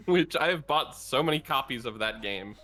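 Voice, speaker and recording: A man's voice: a little high, sing-song, measured pace, bright, forceful tone. A man in a casual podcast chat, giggling often and rambling with many restarts.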